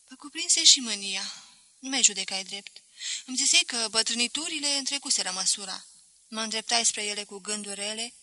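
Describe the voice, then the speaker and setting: Woman reading with a very bright voice. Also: fairly high pitch, dry recording, poor audio. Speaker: audiobook reader. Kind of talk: scripted narration.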